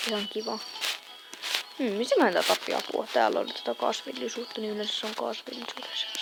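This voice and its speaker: A woman's voice: mid-range voice, creaky. A woman hosting a casual let's-play video, chatting and muttering reactions as she plays a farming game. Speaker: gameplay video host. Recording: game music behind the voice. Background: game music.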